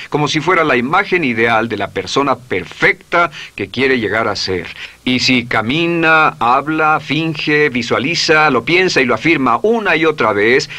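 A man's voice: mid-range voice, pushed and bright. A man narrating a recorded self-help lesson in an instructive way, repeating affirmations aloud. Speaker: course narrator.

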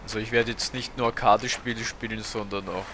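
An Austrian man in his 30s hosts a let's play, casually commentating a video game with lots of hesitation and fillers. His voice is fairly low and fairly even in intonation, he talks fast, and there's background noise.

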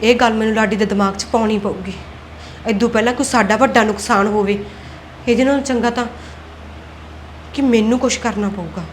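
A woman's voice: fairly high pitch, fairly quick, pauses often, slight background noise, lightly acted. An actress playing a scheming young wife and daughter-in-law in a family drama, who argues back and plots under her breath. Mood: plotting. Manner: argumentative, self-talk plotting. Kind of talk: Punjabi web-series acting.

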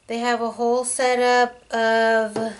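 A woman's voice: on the high side, level tone, takes it slowly. A young woman chatting casually through a makeup vlog, rambling with lots of fillers. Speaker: beauty vlogger.

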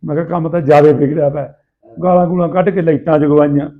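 Malwai punjabi guy swapping rowdy stories, earthy banter, highish voice, sounds like a phone line. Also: fast talker. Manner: rough, earthy, animated banter, acting out people's dialogue. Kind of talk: casual anecdotal storytelling. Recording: tinny, phone-like narrow sound.

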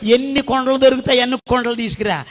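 A man's voice: extremely high pitch, fairly even intonation, fast talker, a bit bright. A male pastor preaching a sermon, acting out the pleas of Bible figures and calling the church to praise.

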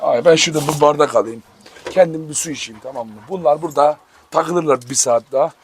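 A man's voice: a little high, fast talker, a little hiss or hum. A man running a dog farm vlog, calling commands to his dogs and talking animatedly to his viewers. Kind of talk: casual vlog narration.

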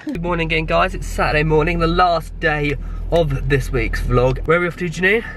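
A man's voice: fairly high pitch, fairly even intonation, a little fast. Young guy vlogging, bit sniffly from a cold, rambly chat, faint hum behind. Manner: rambling, chatty. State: a bit ill, blocked nose. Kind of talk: casual vlog chat.

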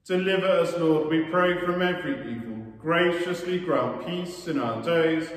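Man intoning in a booming cathedral echo. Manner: measured, solemn recitation. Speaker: priest. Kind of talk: liturgical prayers at Mass. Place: large church. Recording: booming echo and long church reverb.

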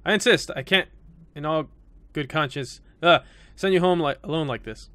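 A man's voice: a little high, normal speed, fairly bright tone, no room sound, natural voice. A man reading as a kind, insistent neighbor woman. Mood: concerned. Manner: polite and insistent.

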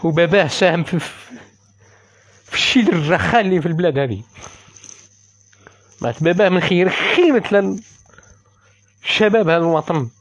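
A man's voice: sits high, brisk, long pauses. A man in his fifties with an Algerian Arabic accent, a former soldier making an emotional, indignant appeal on a livestream and repeating phrases as he pleads. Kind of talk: impassioned live-stream appeal.

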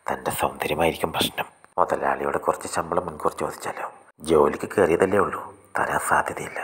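A man reading a scripted short story in a soft, hushed, intimate way. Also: rumbling low, breathy edge.

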